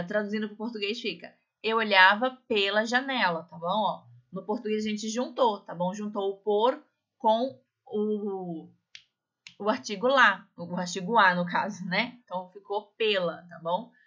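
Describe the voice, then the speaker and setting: Woman teacher with a bright voice. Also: medium pitch. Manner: explains slowly, ends phrases with "tá bom?"; reads Spanish examples slowly and carefully. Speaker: Spanish teacher. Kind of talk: recorded online class lesson. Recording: slightly dull lo-fi sound.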